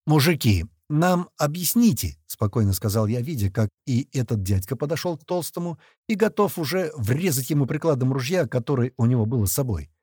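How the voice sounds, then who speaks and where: A male narrator reads a first-person audiobook with a lively, expressive delivery. His pitch moves freely, and the recording is dry and close. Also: quick pace, few pauses, breathy edge, no echo.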